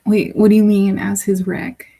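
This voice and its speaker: A woman's voice: mid-range voice, level tone, normal speed, creaky, mellow, husky, low-quality recording. A woman hosting a casual livestream. She talks in a chatty, giggly, rambling way, often restarting her sentences. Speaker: livestream host.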